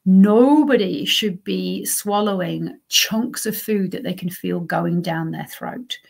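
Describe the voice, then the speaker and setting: Lady coach on her podcast, bit of fry in the voice, keeps saying okay and right. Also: fairly low pitch, takes it slowly. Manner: conversational, emphatic, checks in with "okay" and "right". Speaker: healthy lifestyle coach, podcast host. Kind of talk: solo podcast explainer.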